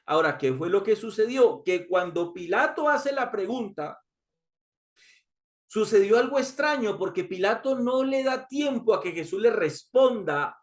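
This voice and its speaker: A man preaching a sermon, reading scripture aloud and repeating key lines for emphasis, calling his listeners brothers. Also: high-pitched.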